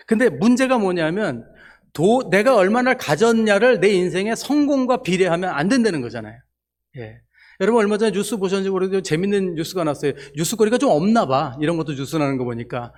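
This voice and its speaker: A man preaching a conversational sermon to a congregation, asking them questions and answering them himself, and affirming his points with a short word. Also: sits high. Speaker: missionary preacher. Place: church service.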